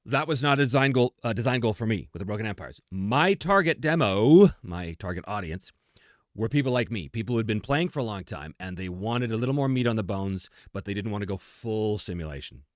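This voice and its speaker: A man with a fairly low, expressive voice speaks briskly while hosting a relaxed tabletop gaming talk, answering questions emphatically and with self-deprecating humor. He works as a host, game designer and game master, and the clean studio sound has no echo.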